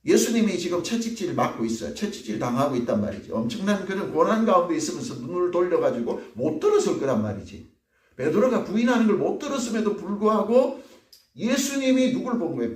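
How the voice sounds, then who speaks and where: A man's voice: high voice, very animated, fairly quick, darkish tone, slight background noise. A man preaching a sermon as pastor, acting out the voices of people he quotes. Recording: echoey room, voice from a distance.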